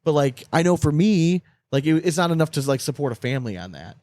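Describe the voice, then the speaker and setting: A man's voice: a little high, big pitch swings, quick pace, darkish tone, no room sound. A man hosting a casual podcast conversation, talking informally and repeating himself for emphasis. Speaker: podcast host.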